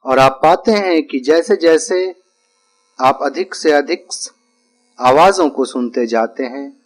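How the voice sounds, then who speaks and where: Speaking in a slightly high voice, a yoga nidra teacher talks listeners through relaxation. He's calm and measured, repeating brief phrases and leaving pauses between them.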